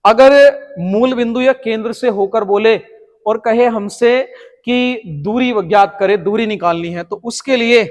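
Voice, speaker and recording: A man teaches math for an exam, walking through each step of a formula and pausing to ask whether his students are following. His voice sits high for a man. The sound carries a long, echoey room reverb. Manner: explains step by step, keeps checking students follow. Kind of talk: exam-prep math lecture.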